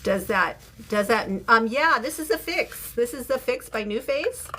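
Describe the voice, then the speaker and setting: A woman's voice: fairly high pitch, animated, a little slow, a bit bright. Chatty American woman in her fifties, noisy background. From from the UK, lives in San Francisco. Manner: chatty, informal, greeting viewers in asides. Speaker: livestream host. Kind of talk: casual beauty livestream chit-chat. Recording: clear background noise, room ambience.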